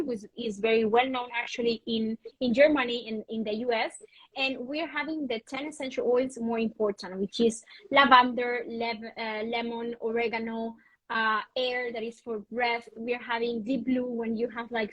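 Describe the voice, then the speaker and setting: A woman's voice: fairly high pitch, dry recording, low-quality recording. A woman guest on a video-call interview, explaining her wellness program in an earnest, passionate way. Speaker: guest, wellness retreat host. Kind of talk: interview conversation.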